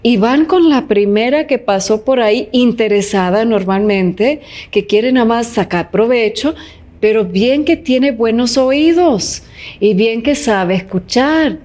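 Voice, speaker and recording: A woman's voice: fairly high pitch, a little slow, a little mellow. A woman preaching a sermon in a conversational, direct way, often asking her listeners questions. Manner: uses rhetorical questions.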